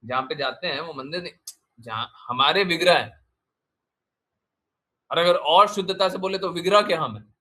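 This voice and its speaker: Bright-voiced man giving a spiritual talk. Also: a little high, moderate pace, pauses often. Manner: emphatic, repeats phrases, asks rhetorical questions. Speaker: spiritual teacher. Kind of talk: devotional talk answering questions.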